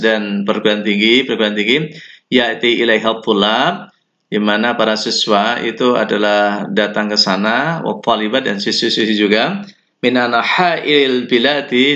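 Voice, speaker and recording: A man with an Indonesian accent teaching an Arabic lesson, reading Arabic phrases and explaining them slowly. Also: fairly low pitch, pushed and bright. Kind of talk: recorded online lesson. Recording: dull lo-fi recording.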